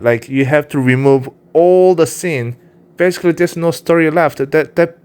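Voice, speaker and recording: Chatting to his cat in a casual vlog, a self-published writer and vlogger with a Korean accent rambles candidly in English, his second language. His voice is slightly high and a little mellow, and his monologue is full of fillers and restarts.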